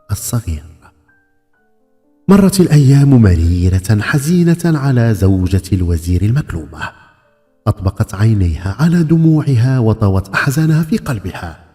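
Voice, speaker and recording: Man narrating a folk tale, echoing reverb. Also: on the low side. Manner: expressive, theatrical delivery. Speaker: storyteller. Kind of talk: scripted folk tale narration, dramatic storytelling. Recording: long hall reverb with music behind. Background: music.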